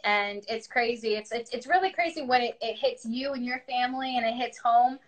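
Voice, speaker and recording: A woman's voice: fairly high pitch, fairly quick. A young woman from New York with a New York accent, chatting candidly about her music on a livestream. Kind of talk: casual livestream chat.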